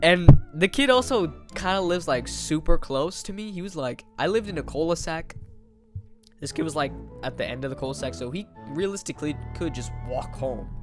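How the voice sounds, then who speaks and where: A man's voice: on the high side, a little fast, music in the background. Young guy rambling a storytime. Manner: rambling, slangy, lots of "like" and "bro". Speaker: vlogger. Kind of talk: casual storytime monologue.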